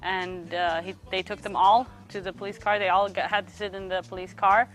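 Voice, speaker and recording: A young woman from Sweden, a youth worker giving reflective interview answers, pausing often to find her words. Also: medium pitch, little pitch movement, a bit bright, faint music behind. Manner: thoughtful, pauses often to search for words.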